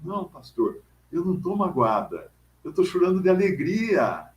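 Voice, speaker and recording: A man voicing a gentle, devout old woman. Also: high voice, big pitch swings, moderate pace, lo-fi sound, pitched above the performer's own voice. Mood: joyful. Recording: roomy echo.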